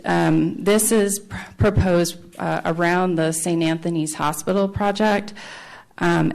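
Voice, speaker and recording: Woman, city staff presenter. Low pitch, gravelly fry, formal but halting explanatory delivery. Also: darkish tone. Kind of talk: formal public meeting presentation.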